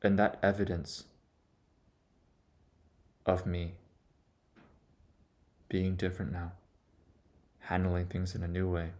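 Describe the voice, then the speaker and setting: In short, deliberate phrases, a man muses aloud in a personal, confessional monologue for his vlog. He sounds earnest, with a low voice whose pitch barely moves.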